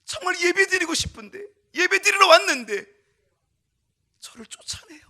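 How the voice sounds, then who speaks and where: A man's voice: extremely high pitch, lively intonation, moderate pace, pitched above the performer's own voice, heavily acted. A man voicing a tearful, pleading young boy. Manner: pleading, rising to loud protest.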